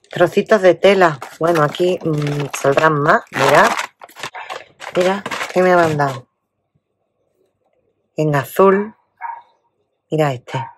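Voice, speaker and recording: A woman with a Spain Spanish accent chatting casually as she unboxes a craft parcel, exclaiming and often dropping to a hushed murmur. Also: fairly low pitch, noisy background. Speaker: craft vlogger.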